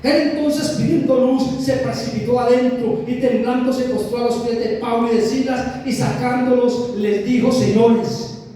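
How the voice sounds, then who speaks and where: A man's voice: very high-pitched, fairly even intonation, normal speed, hardly any pauses, warm tone, slight background noise. A Colombian man preaching a sermon, emphatic and repetitive, often calling out directly to the congregation. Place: large church hall. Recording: echoey church hall from a distance.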